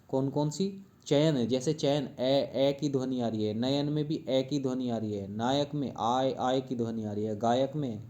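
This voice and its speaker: A man's voice: mid-range voice, mellow. A man teaching a Hindi grammar lesson for exam preparation, repeating key terms and quizzing his students with questions.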